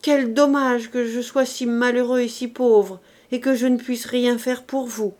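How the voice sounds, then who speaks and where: A poor old gardener, timid and easily startled, speaks in a hesitant, wondering way, as a woman reads him aloud. His words come slowly and carefully, in the unhurried rhythm of a storybook reading. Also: fairly high pitch, steady tone, a little mellow, close to an everyday voice. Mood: gentle.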